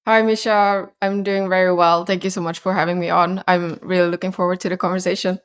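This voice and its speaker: A woman in her twenties from Finland, talking as an interview guest over a remote call in a halting way, with many fillers and restarts. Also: on the low side, flat delivery, clean tone. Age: 20s. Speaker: guest, startup founder. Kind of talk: casual interview talk.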